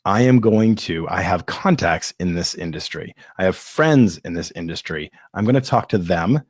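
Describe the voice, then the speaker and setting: A man's voice: deep voice, expressive, normal speed, no room sound, studio quality. A male podcast host answering live audience questions in a candid, self-deprecating, rambling way. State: coughing and hiccuping at times. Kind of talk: live-streamed casual Q&A.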